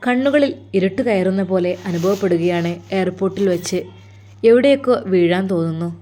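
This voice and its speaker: A woman's voice: mid-range voice, expressive, brisk, mellow. A woman narrating a dramatic story in an emotive, earnest manner.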